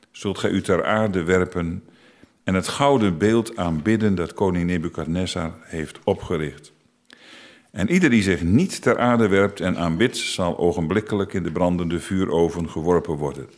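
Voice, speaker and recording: Deep-voiced man reading scripture. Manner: slow, deliberate reading with brief explanatory asides. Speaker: Bible reader.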